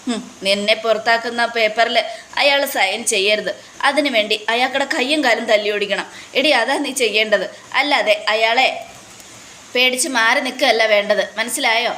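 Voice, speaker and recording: A woman's voice: fairly high pitch, moderate pace, pushed and bright. A woman doing a bold outspoken young woman. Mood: urging. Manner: plain retelling voice, barely changed. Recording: echoey room, faint noise.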